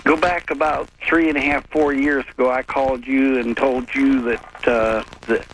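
American guy calling into radio, casual, average pitch, bit of noise on the line. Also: fairly even intonation, moderate pace. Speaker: radio show caller. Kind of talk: casual chat. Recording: noisy call to radio show.

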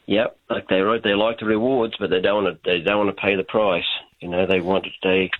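Over a tinny phone line, a Queensland-accented Australian man calls a radio show for a chat. His deep voice is flat and a little fast with no echo, yet his manner stays laid-back and chuckly as he goes over his points again.

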